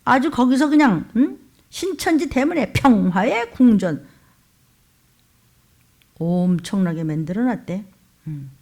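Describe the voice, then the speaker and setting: A woman pastor preaching a fiery sermon, scolding her listeners with sharp rhetorical questions. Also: fairly high pitch, expressive, measured pace, long pauses.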